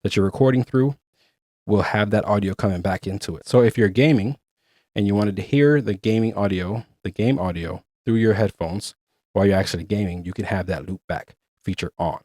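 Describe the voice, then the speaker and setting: A man's voice: fairly low pitch, fairly quick, a little mellow, no echo, clean studio sound. A man hosting a casual product review, chatty and explaining features step by step. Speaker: gear reviewer and host.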